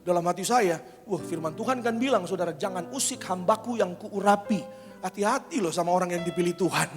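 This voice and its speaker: A man preaching a sermon as pastor, telling a lively story and leading the congregation in declarations. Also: high voice, brisk, long reverb tail, faint music behind. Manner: storytelling, acts out voices of people in the anecdote; calls out to the congregation, leads declarations. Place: large church hall.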